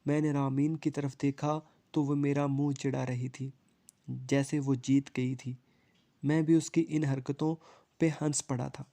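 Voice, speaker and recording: A man narrating a first-person story in a steady, even reading style. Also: mid-range voice.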